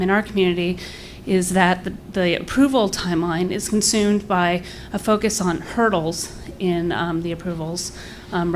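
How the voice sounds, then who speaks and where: Against slight background noise, a woman with a lowish voice gives public comment as an advocacy group director. Her remarks are earnest, polite and formal, mostly prepared but partly improvised, and she's a bit short of breath.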